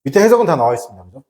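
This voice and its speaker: A man's voice: fairly high pitch, roomy sound. A man teaching English grammar in a recorded lecture, firing rhetorical questions and answering them himself, switching between casual and polite speech. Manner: acts out shouted warnings to make a point.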